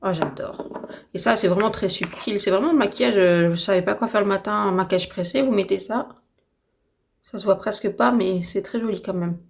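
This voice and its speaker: A slightly hoarse woman with a French accent chatting casually and enthusiastically through a makeup tutorial at home, with lots of fillers. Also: mid-range voice, fairly quick, slight background noise. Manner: chatty, enthusiastic, repeats herself with many fillers. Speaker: beauty vlogger. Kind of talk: casual get-ready-with-me makeup chat.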